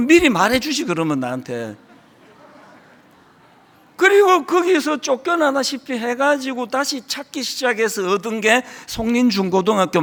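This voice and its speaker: Korean pastor in his 60s preaching, voice swooping up and down, long church echo. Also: high-pitched. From South Korea. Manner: emphatic, swinging between loud stresses and hushed drops. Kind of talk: sermon. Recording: reverberant hall.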